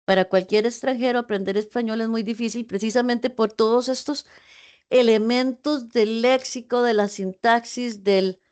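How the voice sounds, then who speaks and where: A fairly high-pitched woman lecturing her students over a video call. She explains each point patiently and keeps checking in with them through rhetorical questions. Her pace shifts, sometimes quick, sometimes drawn out. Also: darkish tone. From Costa Rica. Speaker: university tutor. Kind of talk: online class lecture.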